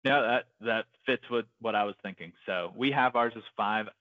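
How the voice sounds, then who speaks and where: A man giving a live software tutorial, talking in a casual, hesitant way with many fillers. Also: lowish voice, moderate pace, no echo, narrow, tinny audio. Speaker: software trainer.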